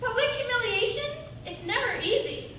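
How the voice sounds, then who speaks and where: In a theatrical stage comedy, a woman plays a self-pitying old witch who is falsely sweet and melodramatically genteel. Her very high voice is bright, forceful, expressive and exaggerated, at a moderate pace. The stage recording is distant, very echoey and noisy.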